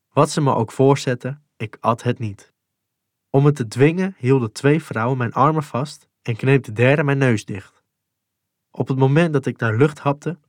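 A man calmly reading a first-person memoir in a measured, sober way. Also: mid-range voice, no room sound, clean studio sound. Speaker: narrator. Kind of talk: scripted memoir narration.

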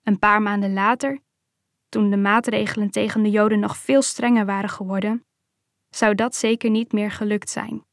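A woman reading a first-person memoir aloud in a calm, measured storytelling manner. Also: mid-range voice, dry recording, clean studio sound.

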